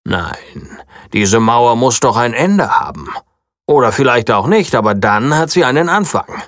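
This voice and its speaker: A narrator doing a stubborn curious dog. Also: male voice, mid-range voice, big pitch swings, a little slow, a bit bright, no room sound, clean studio sound. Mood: determined. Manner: determined, scolding.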